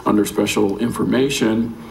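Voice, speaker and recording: A man's voice: lowish voice, fairly even intonation, normal speed, creaky. An American man, a planning staffer, reading a formal staff report aloud at a public meeting. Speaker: city planning staff member. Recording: echoey room with faint noise.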